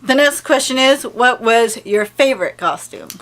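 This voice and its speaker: A woman's voice: fairly high pitch, lively intonation, moderate pace, a bit bright. A woman vlogger in casual, playful chat who often breaks into giggles while reading out survey questions.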